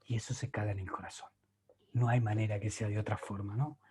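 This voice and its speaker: A man's voice: on the low side, steady tone, fairly quick, darkish tone, slight background noise. A man with an Argentine accent, a catechist giving an emphatic preaching talk full of rhetorical questions. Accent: Argentine Spanish. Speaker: catechist leading a church workshop.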